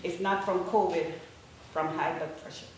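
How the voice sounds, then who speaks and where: A woman telling a personal story on stage in a deliberate, emphatic way with dramatic pauses. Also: fairly low pitch, steady tone. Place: auditorium stage. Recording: roomy, noisy auditorium, distant sound.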